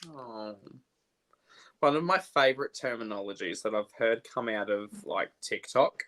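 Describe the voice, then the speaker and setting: A young man hosting a casual makeup livestream, chatty and animated, quick to laugh. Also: fairly low pitch.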